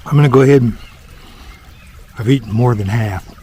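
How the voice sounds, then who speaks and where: A man's voice: mid-range voice, moderate pace, dark tone, breathy edge. A man vlogging on a hike, giving a mock-serious, savoring food-critic review outdoors by a lake. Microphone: small handheld camera.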